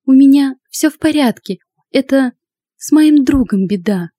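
Woman voicing a tiny, tearful young woman in an audiobook, pitched way up and pushing louder, urgent and breathless, mellow tone in a dry booth. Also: animated, measured pace, dry recording. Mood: anxious.

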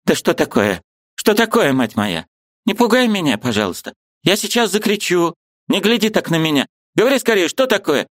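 A man's voice: high voice, moderate pace, a bit bright, no echo, clean studio sound, voice pushed up. A man voicing an old woman, a fussy, agitated aunt who exclaims, pleads and repeats herself in an audiobook. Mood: coaxing.

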